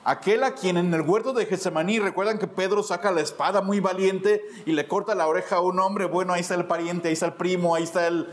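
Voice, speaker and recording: A man preaching a sermon as pastor in a church, emphatic and expressive. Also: high-pitched. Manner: emphatic preaching, acting out quoted voices. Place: church sanctuary.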